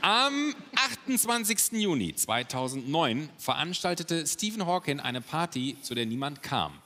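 A man's voice: a little high, very animated, a little slow. A man presenting as a game show host, announcing questions and answers on a TV quiz show, in his thirties or forties. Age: 30s to 40s. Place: large TV studio with audience. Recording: loud studio music and audience noise.

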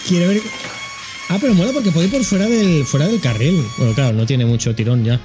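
Lively, joking man with a Spain accent. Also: a little high, brisk, music in the background. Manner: jokey, exclaiming, voicing objects in funny asides. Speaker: reaction video host. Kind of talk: casual reaction commentary.

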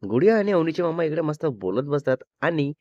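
A man narrating a scripted romance story in a plain, steady way, heard in a slightly dull lo-fi recording. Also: a little high, a little fast, no echo.

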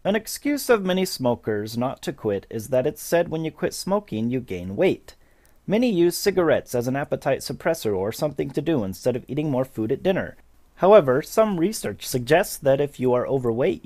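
A man's voice: medium pitch, mellow. A man reading a scripted informational narration as a narrator.

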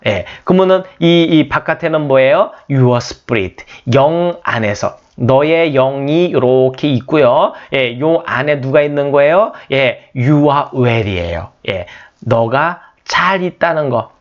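A man with a Korean accent teaching English phrases in a slow explanatory lesson, repeating words and asking and answering his own questions. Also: mid-range voice, lively intonation. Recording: dull lo-fi audio.

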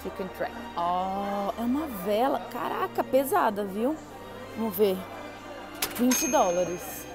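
Over background music, a young Brazilian woman with a mid-range, expressive voice speaks slowly. She's a travel vlogger chatting and gushing to her viewers as she browses indoor gift shops at a theme park in a casual walkthrough.

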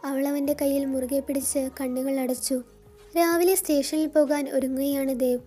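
A woman narrating a romantic story in a soft, gentle, unhurried way. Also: high voice, little pitch movement. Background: faint background music.

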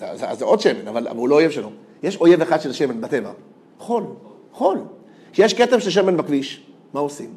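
A man, a rabbi, giving a lively storytelling lecture, often repeating words and laughing through his anecdotes. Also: on the high side. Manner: animated, repeats words, laughs as he tells stories.

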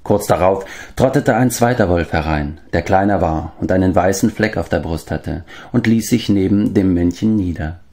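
A man reading a fantasy novel aloud as an audiobook narrator, with calm and even storytelling. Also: deep voice, normal speed, hardly any pauses. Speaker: audiobook reader. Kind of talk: scripted narration.

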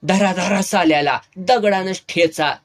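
A man shouting as a rough angry villager. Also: sits high, unhurried. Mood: furious. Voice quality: shouting, coarse.

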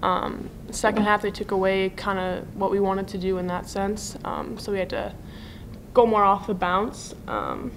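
A woman's voice: mid-range voice, steady tone, normal speed, background noise. A young woman, a college basketball player, answering casually with many fillers at a postgame press conference. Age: young adult. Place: press room. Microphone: table mic.

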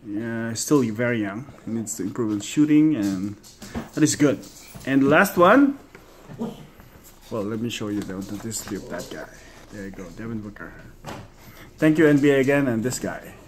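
Excited man unboxing at home. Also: mid-range voice, moderate pace, long pauses. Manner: excited, chatty, laughs often. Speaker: vlogger. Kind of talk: casual unboxing vlog. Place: home, at a table.

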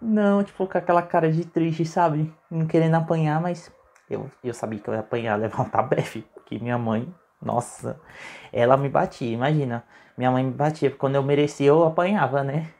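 A man's voice: mid-range voice, steady tone, a little fast, gravelly, a little mellow. A man in his twenties telling a funny childhood story as a chatty vlogger at home, often laughing and calling out to his viewers. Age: 20s. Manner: chatty, keeps saying "gente", laughs while telling. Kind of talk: casual storytelling to camera. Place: home, with his mother nearby.

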